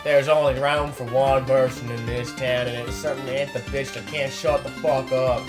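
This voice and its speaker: A man voicing a gruff, crude old cowboy farmer who barks orders in a low drawl. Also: level tone, moderate pace, over loud music, close to an everyday voice. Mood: menacing.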